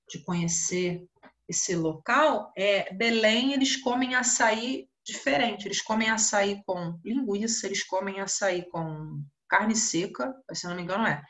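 A woman teaching English in a live online class with a Brazilian Portuguese accent, explaining exercises slowly with many fillers and tag questions. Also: medium pitch, sharp tone. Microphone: video call.

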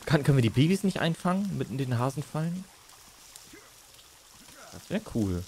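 A man's voice: mid-range voice, big pitch swings, normal speed, a little mellow, slight background noise. A man thinking aloud in casual, rambling commentary while livestreaming a game. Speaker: livestreamer, gamer. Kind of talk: casual live gaming commentary.

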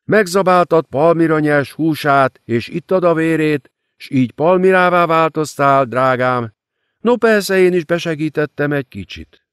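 A man's voice: fairly high pitch, smooth, no room sound, clean studio sound, pitched above the performer's own voice, close to an everyday voice. A man voicing a cruel, seductive female demon queen who mocks and gloats. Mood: gloating. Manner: mocking, gloating.

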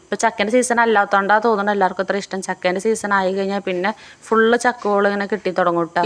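A woman's voice: medium pitch, a bit bright. A young pregnant woman from Kerala, narrating her family vlog in a chatty, homely way. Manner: chatty, homely, adds tag words to sentences. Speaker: family vlogger.

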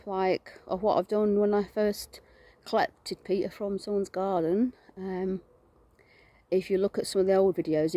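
A woman's voice: on the low side, dark tone, no echo. A woman vlogging from her garden, filming herself on a phone and chatting in a rambling way with lots of fillers. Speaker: vlogger and animal rescuer. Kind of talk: casual self-filmed chat.

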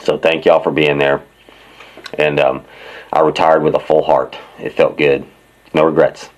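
Very deep-voiced retired Marine host. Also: male voice, little pitch movement, low-quality recording. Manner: plain-spoken, halting with fillers. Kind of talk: casual talk to camera.

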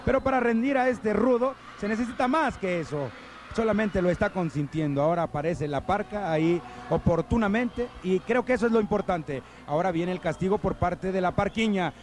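High pitched mexican dude, wrestling commentator on old tv, animated, faint arena noise in back. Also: male voice, brisk. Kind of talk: live lucha libre commentary. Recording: noisy old TV broadcast, arena ambience.

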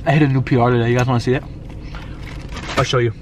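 A man's voice: medium pitch, steady tone, very fast, noisy background. A young man bantering in a parked car, joking, complaining and swearing. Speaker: vlogger's gym partner. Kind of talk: casual banter.

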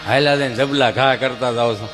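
A man's voice: mid-range voice, fairly even intonation, a little fast, fairly bright tone, faint music behind. A man grumbling through a comic village rant. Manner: grumbling, exasperated complaining.

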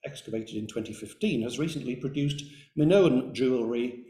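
A man's voice: medium pitch, brisk, dark tone, echoey room. A man giving an academic lecture, reading carefully from a script with brief hesitations. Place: lecture room.

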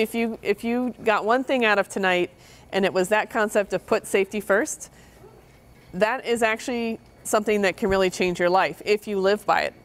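A middle-aged woman giving a public lecture to parents on child safety, earnest and stressing key words by repeating them. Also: medium pitch. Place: meeting room with audience.

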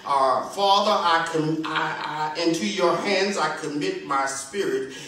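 A middle-aged man preaches from the pulpit of a large church, heard from the back through a camera. His slow, drawn-out delivery rises into shouted call-and-response. The voice is bright and carries through a very echoey sanctuary. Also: on the high side, recorded from a distance. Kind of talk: sermon. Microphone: pulpit mic, recorded by a far camera.

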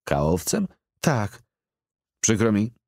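A man's voice: on the low side, huge pitch swings, extremely slow, a little mellow, dry recording, studio quality, voice pushed up, heavily acted. A man voicing a blunt, reserved middle-aged man in an audiobook, speaking curtly. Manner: curt and blunt.

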